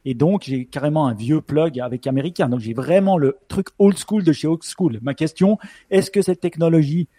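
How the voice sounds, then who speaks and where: A man with a Swiss French accent chatting casually on a podcast, full of fillers and quick to laugh. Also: fairly high pitch, dark tone, dry recording, clean studio sound. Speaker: podcast co-host.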